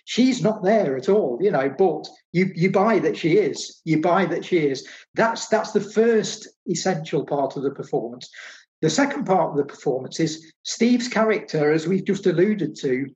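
Enthusiastic man, higher voice, lo-fi sound. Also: lively intonation, moderate pace, darkish tone. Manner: enthusiastic, emphatic, repeats phrases. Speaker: film podcast co-host. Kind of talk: casual film discussion.

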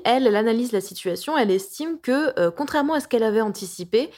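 A woman's voice: a little high, a little mellow. A woman of around forty who hosts a podcast as a coach and therapist. She reads her blog articles aloud in a playful, jokey way, with self-mocking asides and plenty of hesitant restarts. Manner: chatty, with frequent hesitations and restarts.

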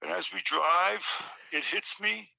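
A man calling in over a phone on speakerphone, telling stories in a casual, animated and jokey way. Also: sits high, a little slow, creaky, no room sound, rough recording. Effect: heard over a phone on speakerphone. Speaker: caller. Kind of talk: casual storytelling on a talk show.

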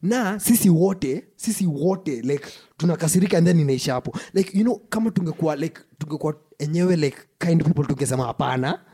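A man with a husky voice and a Kenyan accent talks casually and emphatically, mixing English with Swahili slang and often restarting and repeating himself. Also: a little high, lively intonation, fast, hardly any pauses, mellow. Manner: emphatic, stop-start delivery with repetition. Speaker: podcast co-host.

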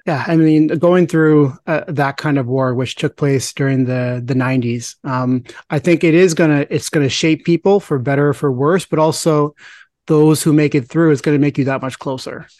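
A man's voice: on the high side, moderate pace, no room sound. Dry-sounding male podcast host. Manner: relaxed, conversational questioning. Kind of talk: casual podcast interview.

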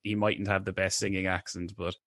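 A man co-hosting a casual film podcast, talking in halting bursts with many restarts and fillers. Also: sits low, little pitch movement, fairly bright tone, dry recording, clean studio sound. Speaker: podcast co-host.

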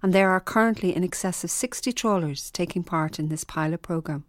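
A woman delivers scripted documentary narration, earnest and emphatic. Her voice sits low and the recording is close and dry. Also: fairly quick, no room sound. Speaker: presenter.

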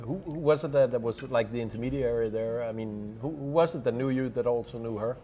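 A man's voice: medium pitch, brisk, mellow. A man hosting an interview over lunch, hesitant, with many uhs and repeated words. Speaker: podcast host.

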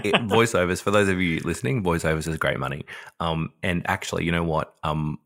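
Man, deep voice, bright tone, casual podcast co-host, laughs a lot. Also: fairly quick. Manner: chatty, laughs often. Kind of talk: casual chat.

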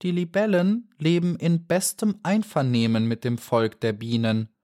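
A man's voice: medium pitch, very animated, moderate pace, darkish tone, pitched above the performer's own voice. A man voicing a large female dragonfly in a storybook, haughty, condescending and predatory.

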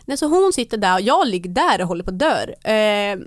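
A young woman in casual chat, telling a story lively and acting out what people said. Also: mid-range voice, no echo, clean studio sound. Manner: lively storyteller who acts out quotes.

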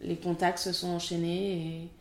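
A woman's voice: fairly low pitch, little pitch movement, a little slow, darkish tone, roomy sound. A French woman in her thirties, a film assistant director, chatting candidly in an interview with many fillers. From France. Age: 30s. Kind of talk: casual interview.

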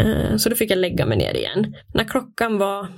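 Candid young woman with a gravelly voice. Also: medium pitch. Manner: candid, animated, frequent fillers. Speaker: interview guest. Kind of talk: casual personal storytelling.

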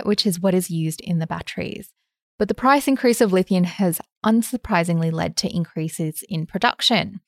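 A woman's voice: medium pitch, no room sound, studio quality. A woman, co-hosting an investing podcast in a chatty, easy way. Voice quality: sweet voice. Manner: chatty, laughs easily, plain explainer. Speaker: podcast co-host. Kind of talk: casual investing podcast chat.

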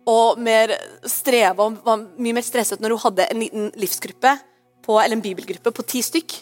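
Chatty woman pastor, higher voice. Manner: chatty, often asks "right?"; slips English phrases in. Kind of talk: sermon.

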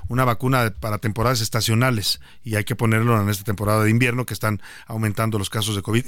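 A Mexican man hosting a radio news show, his mid-pitched voice recorded dry and close with no room sound. He talks in a measured, unhurried way, filling pauses with soft "eh"s and quick nods of agreement. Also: no room sound. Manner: measured, with frequent "eh" fillers and short acknowledgements.

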